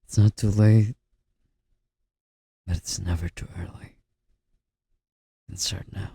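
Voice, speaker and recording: Guy doing soft-spoken boyfriend role-play asmr, deep n gravelly, slow soft comforting murmur right on the mic. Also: fairly even intonation, no room sound. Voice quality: husky, gravelly. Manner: soft, breathy, intimate murmur drifting into soft voice; slow, gently reassuring boyfriend-style comforting. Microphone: close microphone.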